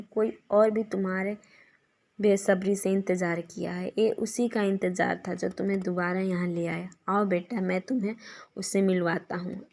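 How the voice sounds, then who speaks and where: A woman's voice: mid-range voice, a little mellow, close to an everyday voice. A woman voicing a stern elderly father who is proud and grieving, speaking firmly.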